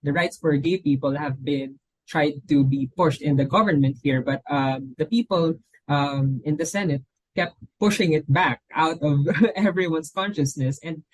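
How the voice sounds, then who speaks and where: A man with a Filipino accent speaks in a fairly high voice, close to the mic with a dry, dead sound. He answers interview questions thoughtfully, pausing often with ums as he gathers his thoughts. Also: no echo, low-quality recording. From Philippines. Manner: thoughtful, hesitant with many ums. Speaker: guest author. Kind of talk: casual interview talk.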